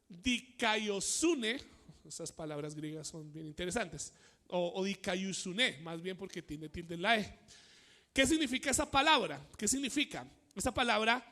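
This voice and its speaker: A man preaching a sermon, repeating phrases, pausing on fillers and asking the congregation "cierto?". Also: high voice, pushed and bright. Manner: many fillers, repeats phrases, asks the church questions.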